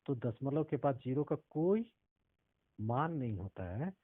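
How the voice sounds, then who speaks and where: A man's voice: medium pitch, lively intonation, measured pace, breathy edge, dry recording. A male math teacher explaining decimal multiplication step by step, often stopping to ask if students understood. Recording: tinny phone-like audio.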